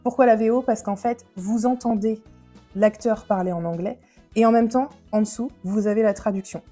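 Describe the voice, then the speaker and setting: A woman's voice: mid-range voice, fairly even intonation, normal speed, dark tone, faint music behind. A woman vlogger answering viewer questions in a chatty, slangy way, often laughing. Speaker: lifestyle vlogger. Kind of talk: casual Q&A chat to camera.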